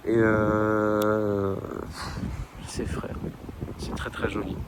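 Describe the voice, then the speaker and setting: A man's voice: on the low side, completely flat delivery, very slow. A young man from France chatting casually in a travel vlog at night, rambling with many hesitations and slang, filmed on a handheld phone outdoors by the water. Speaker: vlogger. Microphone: handheld phone camera. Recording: wind noise on phone mic. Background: wind and outdoor ambience.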